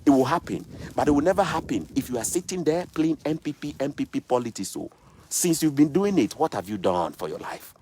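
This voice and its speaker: A man's voice: on the high side, very animated, a little fast, darkish tone, breathy edge. A man in his thirties with a Ghanaian English accent, ranting to the camera in a vlog and firing off repeated rhetorical questions like a preacher. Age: 30s. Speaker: vlogger. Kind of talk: impassioned political rant to camera. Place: outdoors in snow.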